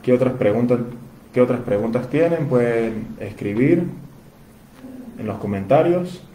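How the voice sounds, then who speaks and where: A man with a warm, mellow tone speaks courteously to viewers as a phone parts seller in a live Q&A. His voice rings in a roomy, echoing space, with faint ambient noise behind it. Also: mid-range voice, expressive, a little slow. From Venezuela. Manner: courteous, addresses viewers as "usted".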